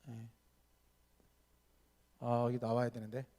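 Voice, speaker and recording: A man preaching a sermon as a pastor, retelling the story lively and acting out the people he quotes. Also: mid-range voice, slow pace. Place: church hall. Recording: long hall reverb.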